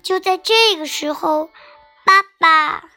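Brief: woman storyteller for kids, high bright voice, slow sing-song reading, music underneath. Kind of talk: children's bedtime story narration.

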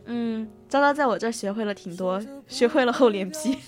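A woman's voice: on the high side, brisk. Teasing young woman over music. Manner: teasing, playful banter. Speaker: co-host of a chat stream. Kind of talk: casual chat. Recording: clear music in the background.

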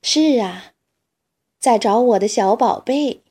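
A woman's voice: on the high side, expressive, slow pace, warm tone, breathy edge, full character voice. Woman doing a tender mother duck. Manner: tender, calling and soothing.

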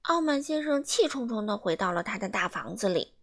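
Animated woman reading a children's story. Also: medium pitch, a little fast. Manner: animated, asks listeners questions.

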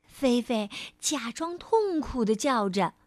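Casting note: woman storyteller for a children's picture book, high, unhurried and expressive, close and dry. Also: no echo. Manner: gentle, expressive, lingering on phrases.

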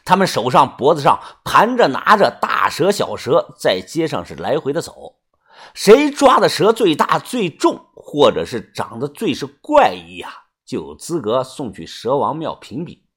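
Husky man telling a chatty story. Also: medium pitch, huge pitch swings, measured pace, a bit bright. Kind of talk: first-person audio novel narration.

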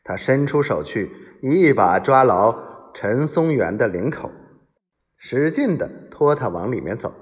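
Man, storyteller, dramatic, slow, long reverb. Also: mid-range voice, lively intonation. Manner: dramatic, acts out quoted voices. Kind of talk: serialized story narration.

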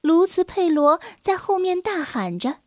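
High-voiced woman reading a bedtime story. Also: big pitch swings, a little slow, darkish tone, dry recording, clean studio sound. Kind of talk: children's story narration.

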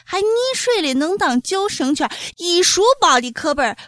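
A woman's voice: sits high, animated, normal speed, a bit bright, no room sound, studio quality. A woman co-hosting with scripted, sarcastic satirical commentary. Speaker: co-host.

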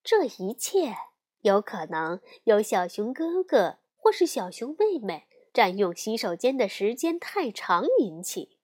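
Reading a children's picture book aloud a little slowly, this woman has a medium-pitched voice and tells the story expressively.

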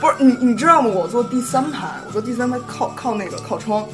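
Female host, casual chat: higher, lively voice, giggly, music underneath. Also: fast. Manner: giggly, animated storyteller. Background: background music.

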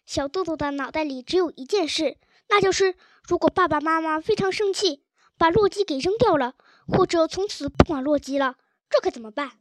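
A woman narrating a children's storybook chapter with a gentle, expressive reading. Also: very high-pitched, moderate pace, no echo. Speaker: audiobook narrator.

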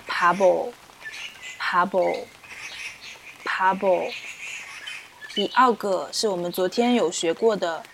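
A woman teaching pronunciation, explaining patiently and repeating syllables slowly for learners. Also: mid-range voice, noisy background. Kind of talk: slow, clear teaching explanation with drilled syllables. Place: indoors, rain heard outside.

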